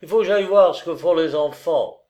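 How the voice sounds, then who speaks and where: A man reading aloud and voicing a jovial, bustling husband who speaks loudly and brightly. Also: a little high, a little fast, pitched above the performer's own voice, close to an everyday voice. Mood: hearty. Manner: loud and bright.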